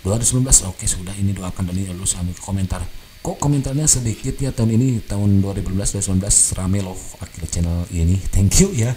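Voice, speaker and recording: A chatty man reads viewer comments aloud, laughing often and slipping in English phrases. His voice sits low and very dark and mellow. A faint hiss of noise runs behind him. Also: very fast. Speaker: channel host reading viewer comments. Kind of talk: casual chat reading comments.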